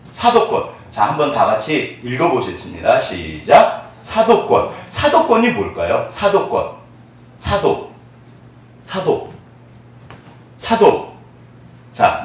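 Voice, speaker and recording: Animated male pastor in an echoey hall. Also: on the high side. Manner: lively, asks the congregation questions and has them repeat after him; laughs often while preaching. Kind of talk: sermon. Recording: very echoey hall, mic at a distance.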